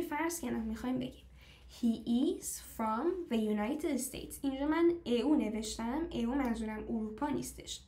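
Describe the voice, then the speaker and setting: Female teacher, slightly high voice, patient stepwise explainer who quizzes her class; echoey room. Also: a little mellow. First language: Persian. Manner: explains step by step, asks the class questions; slows down to model foreign phrases. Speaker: language teacher. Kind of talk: live online class.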